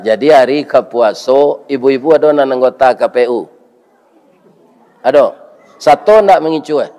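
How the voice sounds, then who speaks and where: Joking Minangkabau preacher, fairly high voice. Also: male voice. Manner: lively, joking, keeps asking the crowd "iya kan?". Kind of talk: sermon.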